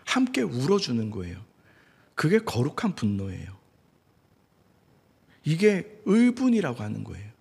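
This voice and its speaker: A male pastor preaching a sermon in an animated way, acting out quoted speech. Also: medium pitch, unhurried, creaky, pauses often, husky. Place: church sanctuary. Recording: church hall reverb.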